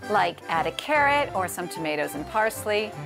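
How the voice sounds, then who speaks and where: A woman's voice: mid-range voice, big pitch swings, normal speed, gravelly, loud music behind the voice. A woman hosting a travel food show, presenting in a scripted, upbeat way.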